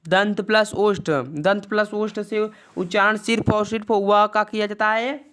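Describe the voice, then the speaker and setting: A woman's voice: mid-range voice, flat delivery, a bit bright, smooth. Woman teacher. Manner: recites letter lists slowly and repeats rules. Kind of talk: recapping a grammar lesson.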